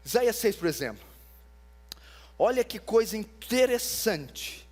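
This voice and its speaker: A man preaching a sermon as pastor, teaching with emphasis and repetition and rising to shouts at times. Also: high voice, very animated, a little slow. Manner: emphatic teaching, rises to shouts, repeats for stress.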